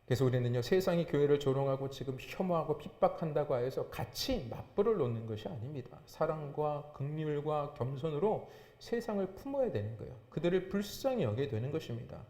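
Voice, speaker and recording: A man's voice: on the high side, sing-song, brisk, hardly any pauses, warm tone. A man, a pastor, preaching a sermon with emphatic, rising and falling delivery. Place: church sanctuary. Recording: echoey church hall.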